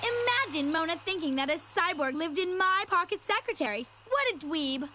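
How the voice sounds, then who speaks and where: Snooty, squeaky-high spoiled girl. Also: very animated, normal speed, a little hiss or hum, full character voice. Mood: mocking. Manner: sneering, melodramatic, exclamatory. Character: snooty, vain, spoiled little girl, cartoon rival. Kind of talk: cartoon voice acting. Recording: loud music bed behind.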